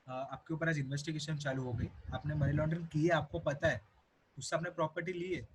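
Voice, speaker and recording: Young indian man, law lecture, higher-pitched voice, repeats points, faint noise. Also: poor audio. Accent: Indian English. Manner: explanatory, repeats key points, mixes English terms into Hindi. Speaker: teacher. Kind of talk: recorded lecture.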